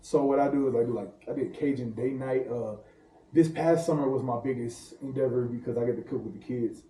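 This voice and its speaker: On a podcast recorded in a roomy room with a distant mic and faint ambience, a St. Louis man who works as a private chef speaks quickly in a mellow, medium-pitched voice. He swaps casual, laughing stories full of slang.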